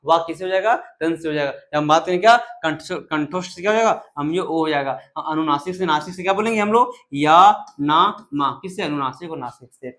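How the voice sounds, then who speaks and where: A man's voice: high-pitched, a bit bright. A male teacher giving an exam-prep grammar lesson, repeating syllables in a drill and asking questions that he answers himself.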